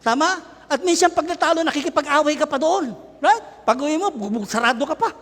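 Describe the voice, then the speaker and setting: A middle-aged Filipino man preaching a lively sermon, joking and shouting with his congregation. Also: very high voice, fairly quick. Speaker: pastor. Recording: long hall reverb.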